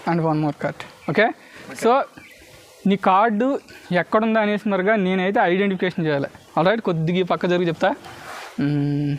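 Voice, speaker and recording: A man with a Telugu accent doing loud, bantering street magic patter for spectators, dropping in English words. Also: on the high side. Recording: clearly noisy on-location recording.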